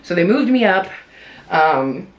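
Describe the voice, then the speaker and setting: A woman's voice: fairly low pitch, very animated, takes it slowly. A young woman vlogger chatting in a rambling way while doing her makeup, full of likes and restarts. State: tearful at moments. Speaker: beauty vlogger.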